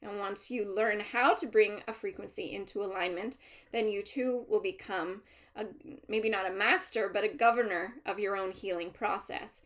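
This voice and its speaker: A woman speaking as a trance medium, channeling a collective of master healer spirits in a deliberate, formal, instructive manner with pauses. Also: mid-range voice, steady tone, natural voice. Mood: calm, instructive. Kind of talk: seance medium channeling, unscripted spiritual teaching.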